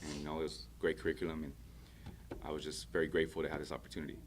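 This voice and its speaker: Male graduate, extremely low monotone voice, steady and grateful. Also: racing, heavy background noise. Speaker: program graduate. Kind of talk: short graduation speech.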